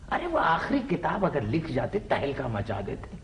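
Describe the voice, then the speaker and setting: A boastful middle-aged father with a lively, swooping voice who exclaims and showers flowery praise. His pitch sits in the middle, with a faint hiss behind him. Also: moderate pace, gravelly. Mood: indignant, boastful. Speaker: father of the household. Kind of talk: classic television comedy drama acting.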